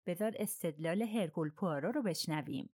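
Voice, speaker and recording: A woman voicing an excitable, exasperated middle-aged male railway director who exclaims in an agitated way. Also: on the low side, no echo, clean studio sound. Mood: insistent.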